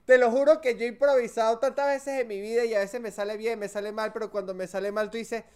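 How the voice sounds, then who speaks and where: A man with a Venezuelan Spanish accent chats casually as a podcast co-host. His voice sits fairly high and comes through smooth and clear as he tells animated stories and acts out quotes. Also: quick pace. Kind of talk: casual chat.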